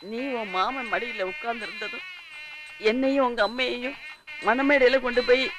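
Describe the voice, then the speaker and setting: An actor playing an elder who recounts how a family split apart, in a Tamil film. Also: male voice, very high voice, normal speed, over music. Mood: recounting.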